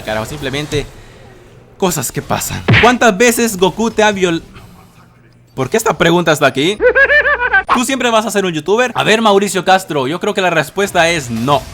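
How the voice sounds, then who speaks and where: A young man in his twenties answering viewer questions in a casual vlog from his bedroom, swearing often and breaking into dramatic outbursts. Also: fairly high pitch. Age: 20s. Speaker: youtuber.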